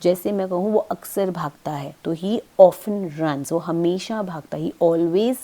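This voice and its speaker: A woman with an Indian English accent teaching English grammar step by step, slowing down on example sentences. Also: on the low side, warm tone. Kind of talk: classroom-style grammar lesson.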